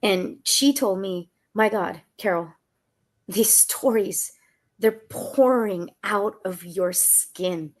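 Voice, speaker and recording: Speaking slowly in a mid-range voice, a Southern California author discusses her memoir in a relaxed book conversation, sounding slightly congested from a cold. She's a warm storyteller who laughs frequently.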